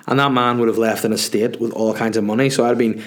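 A male podcast host with a snuffly, cold-affected voice at a middling pitch. He talks off the cuff in a blunt, rambling way, swearing freely as he works through listener questions. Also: fairly even intonation, quick pace. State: sniffly with a head cold. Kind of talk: casual solo chat answering listener questions.

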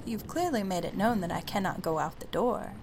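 A woman's voice: medium pitch, lively intonation, fairly quick, noisy background, natural voice. A woman voicing a prim, indignant schoolgirl in a spoken horror story.

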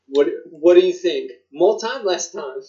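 A man's voice: sits high, lively intonation, a little slow, dark tone. A man with an Australian accent chatting casually as a podcast co-host, swearing and using plenty of slang. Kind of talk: casual chat. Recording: dull, lo-fi sound.

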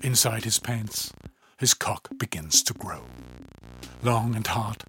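Guy narrating an audio story, calm and steady, kinda hushed. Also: on the low side, takes it slowly, over music. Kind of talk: scripted narration.

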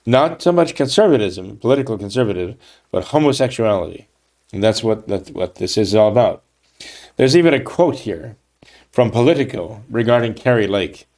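A man's voice: fairly low pitch, lively intonation, normal speed, a little mellow. A man giving a political commentary monologue, reading from a news article and reacting indignantly, with frequent restarts and tag questions. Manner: emphatic, indignant, with frequent restarts and "okay? right?" tags.

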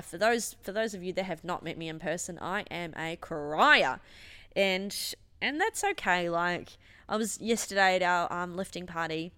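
A woman's voice: on the low side, fairly bright tone. A woman, a gym owner talking in a rambling, emotional, sweary monologue. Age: 30s. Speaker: gym owner and podcast host. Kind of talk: casual monologue.

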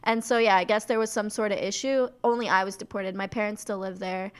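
A woman's voice: medium pitch, fairly even intonation, fairly quick, smooth. A young Canadian woman, a DJ and rapper, chatting casually as a podcast guest, peppering her talk with "like" and laughing easily.

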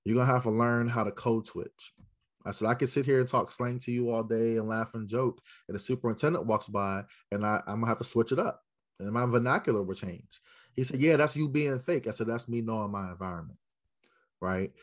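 A man's voice: mid-range voice, fairly even intonation, a little fast. An American man, an educator speaking as a podcast guest, tells stories emphatically and puts rhetorical questions straight to his listeners. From South Central Los Angeles, United States. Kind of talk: storytelling interview answer to a live audience.

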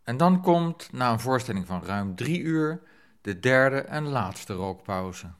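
A man reading calm, scripted documentary voice-over. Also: medium pitch, slow, smooth. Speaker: documentary narrator. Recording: narration over loud music.

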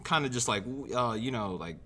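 Rambling young man, mid-pitched. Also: a little fast, bright, forceful tone. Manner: rambling, heavy on filler words and slang. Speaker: podcast co-host. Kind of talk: casual chat.

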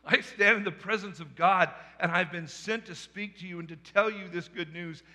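Preacher guy doing gabriel the angel, big booming announcement, bright forceful tone, long echo of a church hall. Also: moderate pace, heavily acted. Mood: proclaiming. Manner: proclaiming, loud and emphatic. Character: the angel Gabriel, a commanding male messenger.

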